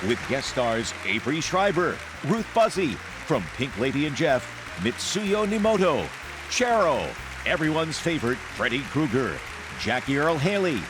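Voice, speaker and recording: A man announcing a variety show in a bright, showy event-host manner. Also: a little high, very animated, normal speed, background noise. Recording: loud music and crowd behind.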